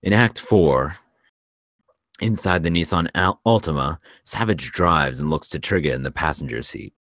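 Narrating the stage directions of a screenplay, a man reads the action lines in a measured, scripted manner. His voice is extremely low but fairly bright in tone, and the dry recording carries no room sound.

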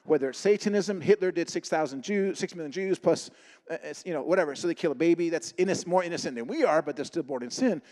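Middle-aged preacher guy, high voice, rattles along telling funny stories, echoey hall. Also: fast. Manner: animated, acts out dialogue. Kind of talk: humorous sermon with stories. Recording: echoing hall reverb.

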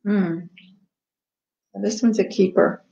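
A woman's voice: medium pitch, takes it slowly, gravelly. A woman hosting a casual live cooking stream from a home kitchen, chatting with many ums and eating as she talks. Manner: relaxed, chatty, many ums, tasting and eating while talking. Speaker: cooking show host. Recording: echoey, dull livestream audio.

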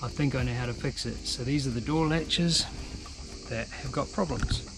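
A man's voice: medium pitch, moderate pace, over music, low-quality recording. Earnest plain-spoken New man. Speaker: sailing vlogger. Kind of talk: casual vlog narration.

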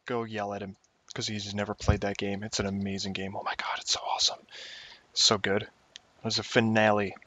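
This gaming YouTuber, a young man, plays at home and keeps up a loose running commentary, mocking himself and muttering along as he goes. His voice sits fairly low with a touch of brightness, captured on a dull, lo-fi home setup.

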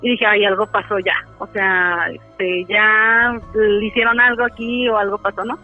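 A woman's voice: mid-range voice, little pitch movement, a little slow. A woman, phoning in to tell a story in a casual, chatty way, often using fillers. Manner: chatty, many fillers like "este". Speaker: caller. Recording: tinny phone line with music behind.

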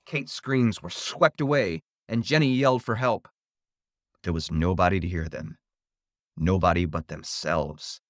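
A man reading a spooky children's story aloud, in an expressive, theatrical way. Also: low-pitched, measured pace, no echo, studio quality.

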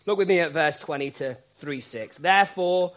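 Emphatic preacher man, fairly high voice. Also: lively intonation, moderate pace. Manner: rhetorical questions, swings between quiet asides and loud emphatic peaks; repeats key phrases as chants. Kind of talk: sermon.

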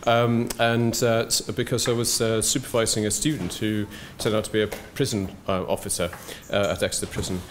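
A soft-spoken, middle-aged man lectures at a conference podium into its microphone, hesitant, with many fillers, restarts, and dry asides. His voice is lowish and level in tone, brisk with hardly any pauses, and there's background noise.

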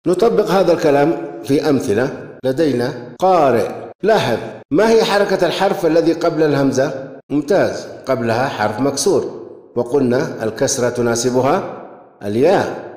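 A man teaching a grammar lesson, asking questions and then praising the answers, and reading example words slowly and carefully. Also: medium pitch, expressive, a little mellow. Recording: echoey room with long reverb.

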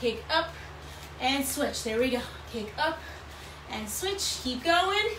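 A woman in her thirties, an aerobics instructor, leads a workout in a small, bright room at home, calling out moves and counts with repetitive, encouraging cues as she exercises. Her high, expressive voice is fairly bright and unhurried. A camera or phone several feet away gives a roomy, distant sound with clear background noise.

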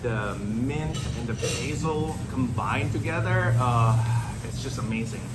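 A man in his forties vlogging a meal in a small restaurant, enthusiastic and savoring every bite. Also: mid-range voice. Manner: enthusiastic, savoring food with drawn-out exclamations. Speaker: food vlogger. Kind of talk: casual food vlog. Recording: restaurant noise behind.

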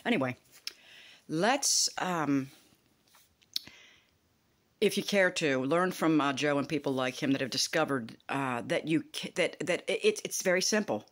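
A woman's voice: low-pitched, animated, a little slow, pauses often. A woman in her fifties giving a rambling, emphatic self-help monologue, with frequent swearing. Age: 50s. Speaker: vlogger.

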